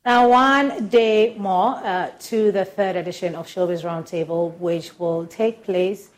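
Low-voiced woman reading showbiz news. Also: fairly even intonation. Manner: measured formal delivery. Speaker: entertainment news presenter.

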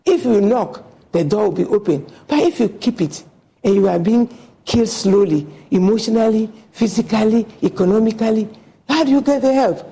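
A woman's voice: fairly high pitch, moderate pace, vocal fry, mellow, poor audio. A woman speaking as a radio guest in an earnest, passionate discussion, preaching a little and acting out the voices she quotes.

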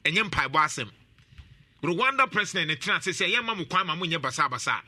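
A man hosting a talk show, giving animated, casual commentary and laughing often. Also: on the high side, brisk. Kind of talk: casual commentary mixing Twi and English.

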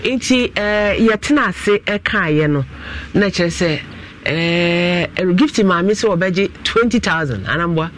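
A man with a Ghanaian accent, a pastor questioning family members in a dispute in an animated, coaxing manner. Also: sits high, slow, slight background noise. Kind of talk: mediating a family dispute on a broadcast.

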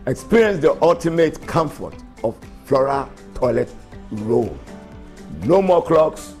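A man reading a scripted infomercial sales pitch as an advert announcer, in a persuasive salesman's delivery. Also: animated, slow, a little mellow. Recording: music bed under voice. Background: background music.

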